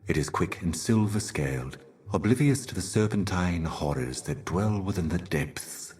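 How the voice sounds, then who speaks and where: An actor playing a solemn otherworldly herald of cosmic horrors in a video game, speaking in an ominous, grandiose and cryptic theatrical manner. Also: male voice, low-pitched, expressive, moderate pace, a little mellow. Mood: solemn, brooding. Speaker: game character, messenger and guardian.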